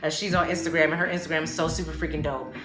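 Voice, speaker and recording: Rapid-fire and steady in tone, a low-voiced woman runs her own laid-back podcast, speaking bluntly and forcefully in slang laced with frequent curses. Music plays under her in an echoey room.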